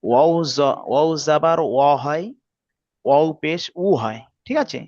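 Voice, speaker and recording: A man teaching Quran reading, slowly spelling out letters and vowel marks and often checking that his students follow. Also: on the high side, a little mellow, dry recording, dull audio. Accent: Bangladeshi Bengali. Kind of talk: slow spelled-out recitation lesson.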